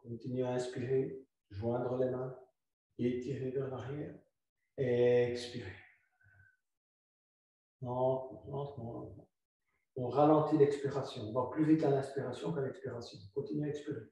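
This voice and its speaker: A man guiding a yoga flow class, calm and instructive, repeating his cues slowly. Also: medium pitch. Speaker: yoga teacher. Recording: very echoey room, voice far from mic.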